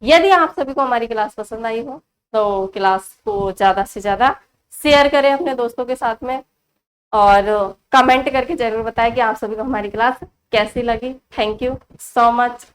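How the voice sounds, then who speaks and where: A woman with an Indian accent teaching an online grammar lesson. She asks her students questions and answers them herself, repeating key words slowly as a drill. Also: a little high, slight background noise, low-quality recording.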